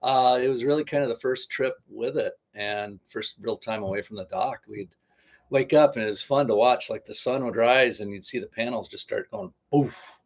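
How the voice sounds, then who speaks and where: A man's voice: medium pitch, moderate pace. A man co-hosting a casual live stream in a laid-back way, explaining how the boat's systems work. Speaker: boat vlog co-host. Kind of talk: casual livestream chat.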